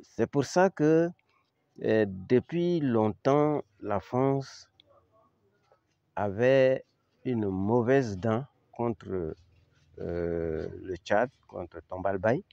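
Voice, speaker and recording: An older man with a Chadian accent giving an informal historical account, halting and searching for words, yet emphatic with the listener. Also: lowish voice, creaky, dark tone, dry recording, dull audio. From Chad. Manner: halting, with repeated words and long searching pauses. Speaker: eyewitness commentator on history.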